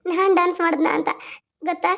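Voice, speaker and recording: A woman voicing a shy, sweet young woman in love who speaks softly. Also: very high-pitched, little pitch movement, fast talker, muffled recording. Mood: bashful. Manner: bashful, soft.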